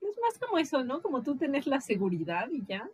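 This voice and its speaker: A woman with a Mexican accent chatting casually as a podcast guest, animated and acting out quoted voices. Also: sits high, brisk, no echo.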